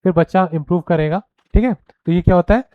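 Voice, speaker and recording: A man giving a recorded pedagogy lecture, explaining point by point and checking in with listeners, reading headings slowly. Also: high-pitched, no echo, phone-quality sound. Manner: reads headings slowly and deliberately. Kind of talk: recorded lecture, mixing Hindi and English.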